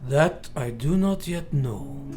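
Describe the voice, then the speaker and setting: Over loud music, a male actor with a fairly high, lively voice plays a grave and commanding old professor in a radio drama, speaking in deliberate, formal, old-fashioned phrases with a brooding mood.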